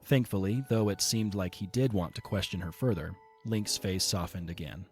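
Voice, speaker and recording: The narrator is male, fairly low-voiced, and keeps a steady, measured pace as he reads the story of an audio drama in storybook style. He calmly sets the scene between the characters' lines while faint music plays beneath him.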